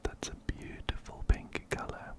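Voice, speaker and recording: Very close to a binaural mic that captures him from ear to ear, an ASMR gaming host plays through a game in a soft, breathy whisper. His manner is gentle and unhurried.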